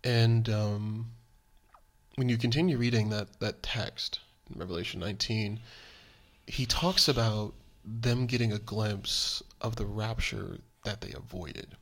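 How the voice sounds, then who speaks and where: A man co-hosting a podcast in earnest, animated casual conversation. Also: fairly low pitch, a little slow. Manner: earnest, animated, repeats himself. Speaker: podcast co-host.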